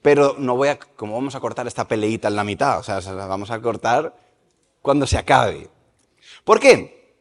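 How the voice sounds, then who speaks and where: A man preaching a sermon at a church service, lively and questioning the congregation. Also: mid-range voice, fairly quick. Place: church service in a large hall. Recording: reverberant church hall.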